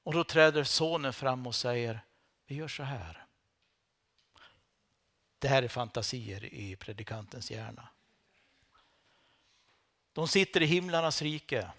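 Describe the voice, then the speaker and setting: Taking long pauses, a medium-pitched male preacher dramatically retells scripture in his sermon, moving back and forth between loud bursts and quiet, hushed passages.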